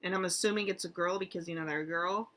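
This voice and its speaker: A woman's voice: fairly low pitch, steady tone, fast, fairly bright tone. A woman therapist talking casually in a vlog, rambling with lots of fillers and incredulous asides.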